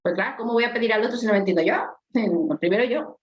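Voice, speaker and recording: A woman with a strong voice, talking on a coaching podcast. She keeps it casual and animated and acts out small scenes as she goes. The recording is echoey and a little dull. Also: mid-range voice, quick pace. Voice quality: strong, forceful voice. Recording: echoey, slightly dull sound.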